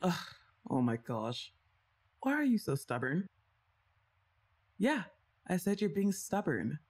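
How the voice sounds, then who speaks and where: A young woman addresses the listener directly in a scripted ASMR roleplay, sounding teasing and playfully bossy while sighing and laughing softly between lines. Her fairly low voice swings widely in pitch, moves slowly, and carries a breathy edge.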